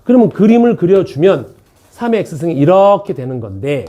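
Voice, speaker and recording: At a moderate pace, a very animated math teacher with a high-pitched, mellow voice lectures in an academy classroom. He cracks jokes, goes over key points more than once, and checks on how his students are doing.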